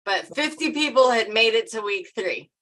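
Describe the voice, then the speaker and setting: Woman, co-host, casual live chat, laughs a lot, bright tone. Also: a little high, lively intonation, normal speed, low-quality recording. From Maryland, USA. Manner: laughs often, chatty with restarts.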